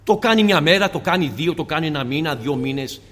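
A male preacher giving an impassioned sermon, firing off rhetorical questions and dropping suddenly to a soft tone. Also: a little high, animated, long reverb tail.

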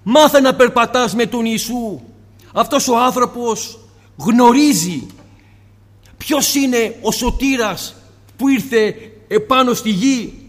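High-voiced impassioned male preacher. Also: in a large hall. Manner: impassioned, rhetorical questions, sudden drops to soft tone. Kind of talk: sermon.

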